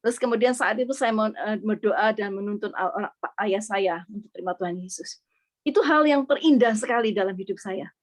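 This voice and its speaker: A woman's voice: mid-range voice, brisk. A middle-aged woman from Indonesia earnestly sharing a personal faith testimony, slipping English words into her speech.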